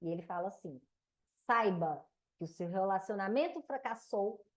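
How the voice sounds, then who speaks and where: A woman with a Brazilian Portuguese accent leads a mentoring lesson on relationships. She speaks in a teaching manner, posing questions to her students and answering them herself. Her voice sits at an ordinary middle pitch. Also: expressive, moderate pace. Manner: didactic, asks and answers her own questions. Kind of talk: mentoring class lecture.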